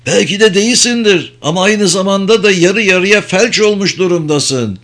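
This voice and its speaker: A man voicing a bitter, scheming male clerk in a storybook reading, with a shrill, strained voice. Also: normal speed, a bit bright. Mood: bitter, sneering.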